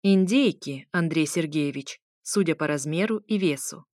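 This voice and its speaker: An unflappable male butler answers in calm, polite, formal tones, as a woman reading the book voices him. The recording is close and dry. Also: low voice, moderate pace, no echo, close to an everyday voice. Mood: composed.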